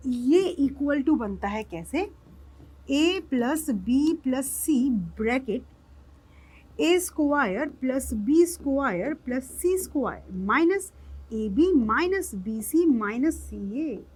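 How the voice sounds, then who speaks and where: A woman with a high voice teaches maths in a lecture, working through each step slowly and carefully. She keeps checking whether the class has understood. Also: big pitch swings, a little mellow, husky. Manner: explains step by step, often checks whether students have understood.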